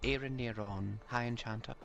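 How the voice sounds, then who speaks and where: A man's voice: medium pitch, fairly even intonation, normal speed, vocal fry, highs cut off, a crowd in the background. A man chatting casually in character in an online role-play, earnest and a little hesitant.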